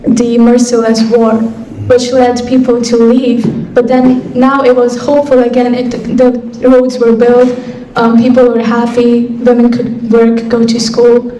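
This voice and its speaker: A young woman from Afghanistan answers interview questions in a soft, reflective way, pausing often. Her voice sits a little high and stays flat, with a mellow, darker tone. It is picked up from a distance in an echoey hall with a faint hiss behind it. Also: lo-fi sound. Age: young adult. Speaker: guest speaker. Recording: echoey hall, voice from far off mic, faint noise.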